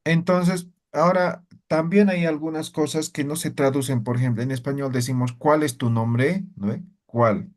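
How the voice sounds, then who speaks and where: A man's voice: fairly high pitch, fairly even intonation, normal speed, few pauses, a little mellow. A man teaching a language lesson in Spanish, patient and explanatory, often checking in with tag questions.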